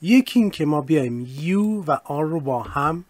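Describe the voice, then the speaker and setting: A male teacher explaining grammar in a casual way and reading example sentences slowly and clearly. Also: fairly high pitch, lively intonation, no room sound. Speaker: English teacher. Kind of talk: recorded language lesson.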